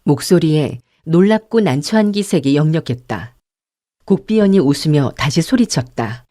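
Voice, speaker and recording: A woman narrates an audiobook with calm, measured storytelling. Her voice is lowish and mellow. The recording is dry and close. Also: no echo. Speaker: audiobook narrator and channel host.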